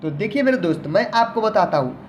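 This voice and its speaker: A man's voice: high voice, expressive, quick pace, slight background noise. A man teaching an online lesson in a patient manner, who repeats each word several times and often addresses the viewer as his friend.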